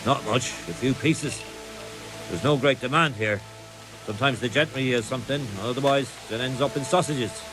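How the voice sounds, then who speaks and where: A man's voice: medium pitch, moderate pace, music in the background, lightly acted, low-quality recording. A man voicing a wary, grudging medieval village tradesman in a video game. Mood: grudging, cooperative.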